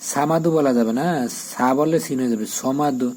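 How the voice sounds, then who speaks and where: A man teaching Quran reading who spells out each letter and vowel mark, then chants each verse slowly and drawn-out, often pausing to check that the learner follows. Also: medium pitch, a little mellow, poor audio. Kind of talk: step-by-step Quran recitation lesson.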